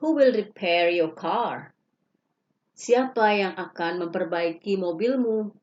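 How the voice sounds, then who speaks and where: Slow, careful woman teacher, lo-fi. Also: mid-range voice. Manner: slow, careful reading, each English sentence followed by its Indonesian translation. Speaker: English teacher. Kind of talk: reading example sentences slowly. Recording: dull lo-fi recording.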